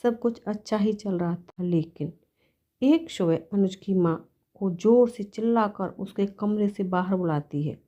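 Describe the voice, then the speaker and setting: A woman's voice: mid-range voice, measured pace, warm tone. A woman storyteller reading an emotional family story aloud in a plain, earnest way.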